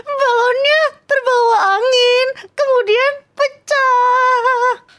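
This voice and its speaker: A tiny crying child. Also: female voice, steady tone, pushed and bright, heavily acted. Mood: tearful. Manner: tearful, slow, very high-pitched. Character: small crying child, upset over a popped balloon. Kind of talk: scripted radio dialogue for a language lesson.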